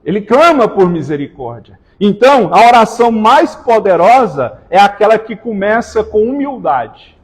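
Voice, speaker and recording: A male pastor preaching to his congregation, pressing hard on key words and tossing in joking asides. His voice sits high for a man. The sound rings with the long reverb of a church hall. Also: big pitch swings, moderate pace, hardly any pauses, breathy edge. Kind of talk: sermon.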